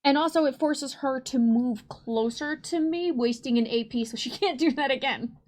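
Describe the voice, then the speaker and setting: Giggly, high-voiced woman at a game table. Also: moderate pace, a little mellow. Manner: giggly, laughs often while talking. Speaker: tabletop role-play player. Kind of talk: casual game-table chat.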